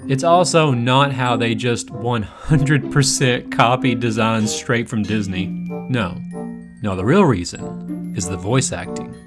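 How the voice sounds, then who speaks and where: Male countdown host, mid-pitched, chatty and joking, music clearly behind the voice. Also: measured pace. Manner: joking, conversational, sweary. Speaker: video list host. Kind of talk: casual comedic video game commentary.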